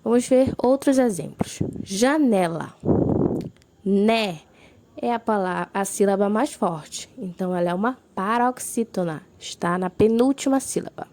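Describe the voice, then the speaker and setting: Speaking in a medium-pitched, darkish voice with a little hiss or hum behind it, a young woman teacher with a Brazilian Portuguese accent records a lesson for fourth graders. She is patient, draws out key words slowly, repeats them, and checks understanding with "tá?".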